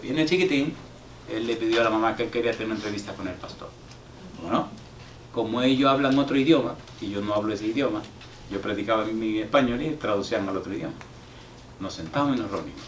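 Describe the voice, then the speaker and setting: A man pastor preaching in a church, his voice caught from a distance in a roomy, echoing hall with a faint hiss underneath. He tells stories with lively back-and-forth, calling out to the congregation, then slows to read scripture with weight. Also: on the low side. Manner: storytelling with call-and-response to the congregation; reads scripture slowly and emphatically. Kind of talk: sermon. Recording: echoey hall from far off, faint noise.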